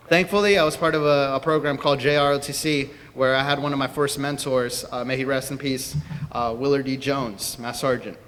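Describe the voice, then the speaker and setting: A man's voice: a little high, a bit bright. A young man from Peru giving an earnest personal talk to a convention audience, telling his story with frequent fillers. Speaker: speaker at a convention. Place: convention hall. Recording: distant mic in a reverberant hall.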